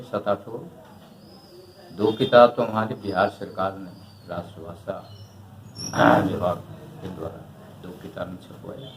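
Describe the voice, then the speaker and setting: An older man, a retired writer and historian, answering interview questions in a measured, reflective way. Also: fairly low pitch, echoey room, a little hiss or hum, poor audio.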